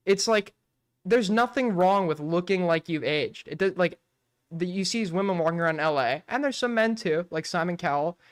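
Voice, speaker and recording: High-pitched and animated, this twenty-something man speaks at normal speed. On a late-night stream he chats casually, wandering off topic, cursing freely and leaning on "like" constantly.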